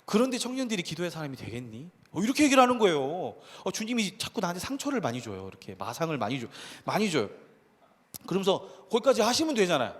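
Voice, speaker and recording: A man preaching a lively, conversational sermon to a youth congregation as pastor. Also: high-pitched, quick pace. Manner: animated, conversational preaching with acted quotes and laughs. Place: church hall. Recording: hall reverb.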